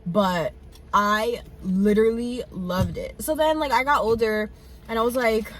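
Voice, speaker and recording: A woman's voice: a little high, fairly bright tone. A woman in her twenties telling a long story in casual chat, full of "like" fillers and swearing. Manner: fast chatty storytelling, many "like" fillers, swears. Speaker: co-host.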